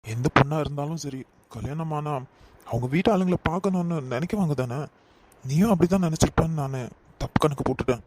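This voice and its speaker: A man voicing a gentle young husband who soothes and coaxes his wife, with a Kanyakumari Tamil accent. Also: fairly high pitch, quick pace, very noisy, lightly acted. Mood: soothing. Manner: soothing, coaxing.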